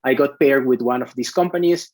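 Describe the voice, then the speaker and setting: A man who grew up in Venezuela talks through his career in an interview, often pausing on fillers and repeating words. His voice sits at a middle pitch. The recording is dry, with no room echo. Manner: hesitant, many restarts and fillers. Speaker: CTO, interview guest. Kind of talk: conversational interview.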